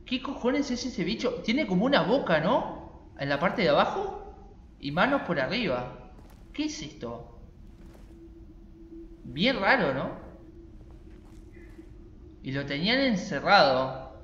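A young man commenting on his game, excitable and jokey, swearing and taunting the monsters. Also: high-pitched, slow, pauses often, roomy sound, highs cut off, a little hiss or hum. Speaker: gaming channel host. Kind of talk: let's play commentary.

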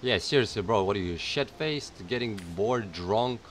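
A man's voice: fairly low pitch, animated, normal speed, a little hiss or hum. A man giving casual, joking gameplay commentary in informal, crude slang. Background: video game sounds.

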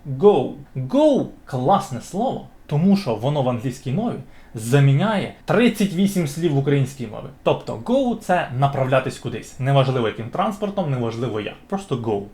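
A man from Ukraine giving a casual video lesson to older relatives, repeating words slowly and stressing each one. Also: medium pitch, sing-song, dark tone, reverberant. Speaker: English teacher for older relatives.

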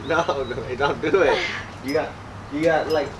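A young American man bantering casually, complaining and nervous, in an informal vlog. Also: on the high side. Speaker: partner in a vlog challenge. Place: residential backyard, outdoors. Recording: distant, very noisy windy outdoor audio.

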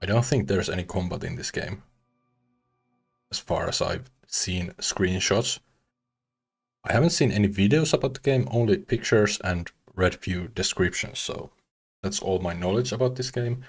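Young man from Finland, very low voice, relaxed chatty gaming commentary, headset mic, faint game music behind. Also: moderate pace, vocal fry, breathy edge. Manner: relaxed, chatty, with small restarts. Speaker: gaming streamer. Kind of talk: casual let's-play commentary.

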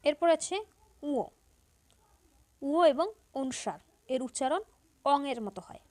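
A woman teacher explaining pronunciation to school students, repeating example words slowly and step by step. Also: high-pitched, expressive, a little mellow. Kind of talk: Bengali grammar lesson for school students.

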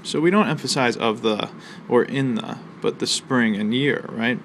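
A man teaching a college literature lesson, explaining a poem's rhythm and imagery in a measured way with fillers and pauses. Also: medium pitch, slight background noise. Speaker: college instructor. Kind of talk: recorded literature lecture. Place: outdoors near a library.

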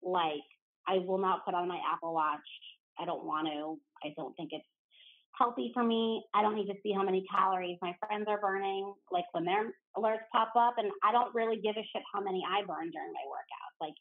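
A woman's voice: medium pitch, steady tone, fairly quick. Chatty woman on a tinny line. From New Jersey. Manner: chatty, fills speech with "like". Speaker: podcast guest. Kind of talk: casual interview chat.

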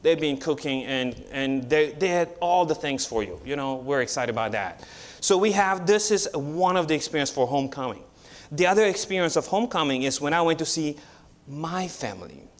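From the pulpit, a guest preacher in his thirties with a Romanian accent speaks in a fairly high voice at a moderate pace. His sermon is chatty and story-filled, with frequent restarts and building excitement.

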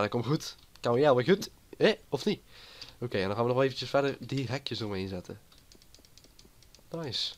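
A man with a cold talks through his gameplay in a loose, rambling way. He chats on at an ordinary pitch, jumping from one thought to the next. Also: a bit bright. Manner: rambling and chatty. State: has a cold. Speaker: gaming YouTuber. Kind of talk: casual gameplay commentary.

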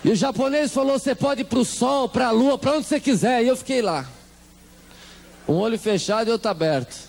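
Lively Brazilian man giving church testimony. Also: very high voice, brisk, gravelly, slight background noise. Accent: Brazilian Portuguese. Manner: animated storyteller acting out quoted voices. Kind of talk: humorous testimony to a congregation.

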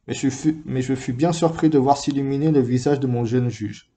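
A man reading a book aloud in a calm, measured first-person narration. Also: mid-range voice. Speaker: reader.

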